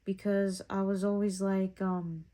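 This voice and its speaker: Rambling young woman with a mellow voice. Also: mid-range voice, level tone, a little slow. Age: young adult. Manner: rambling and reflective, with many fillers. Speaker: vlogger. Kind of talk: casual talking-to-camera vlog. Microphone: phone.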